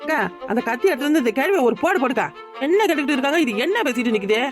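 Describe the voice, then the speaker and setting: A woman's voice: sits high, animated, very fast, over music. Woman making sarcastic asides. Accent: southern Tamil Nadu. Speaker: comic commentator.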